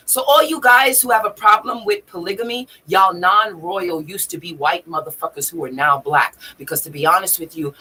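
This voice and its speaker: A woman hosting a spiritual livestream, talking in a profane, emphatic, preachy way and swinging from low muttering to high shouting. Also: a little hiss or hum, low-quality recording. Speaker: livestream host.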